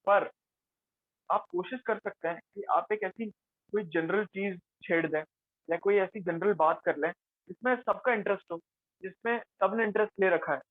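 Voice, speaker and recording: Man, workshop facilitator, fairly high voice, dry phone-like sound. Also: normal speed, no echo. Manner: mixes Hindi and English, explains with rhetorical questions. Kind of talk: conversational workshop talk.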